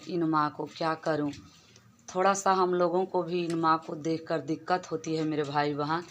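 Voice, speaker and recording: A woman's voice: low-pitched, slight background noise. A woman keeping a cow shelter, talking viewers through it in a plaintive, repetitive way, recorded outdoors on a phone. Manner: repetitive, plaintive, addresses viewers as brothers and sisters. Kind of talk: casual walkthrough vlog.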